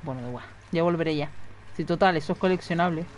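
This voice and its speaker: A woman's voice: low voice, fast talker, a little mellow, slight background noise. A woman chatting casually and swearing freely as she streams a video game. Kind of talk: casual live gameplay commentary.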